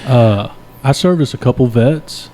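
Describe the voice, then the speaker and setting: A man's voice: mid-range voice, unhurried, dark tone, slight background noise. A man chatting and telling stories casually on a podcast, jokey and full of slang. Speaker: podcast co-host. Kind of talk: casual podcast chat and storytelling.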